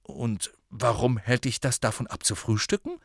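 A man's voice: medium pitch, lively intonation, normal speed, creaky, no echo, clean studio sound. A man voicing an exasperated teenage boy wizard for a storybook, speaking in a raised, impatient, incredulous tone.

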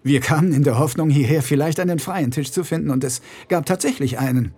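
Man voicing a smooth quick-witted young con man. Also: fairly high pitch, a little mellow, pitched above the performer's own voice. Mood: innocent. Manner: smooth, innocent-sounding.

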